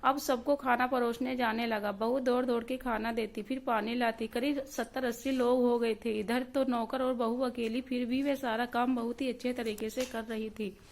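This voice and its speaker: Woman narrating a story in an even voice. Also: a little high.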